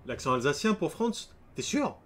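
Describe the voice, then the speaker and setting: A man's voice: on the high side, sing-song, normal speed. A man streaming a strategy game, chatting casually and joking with his viewers. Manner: chatty, joking asides to chat. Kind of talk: casual live-stream commentary.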